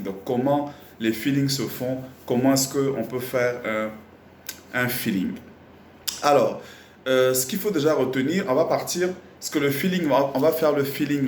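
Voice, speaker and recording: A man teaching a live singing lesson, explaining slowly and repeating himself with many fillers, breaking into short sung examples. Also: medium pitch, roomy sound, a little hiss or hum. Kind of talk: live online music lesson.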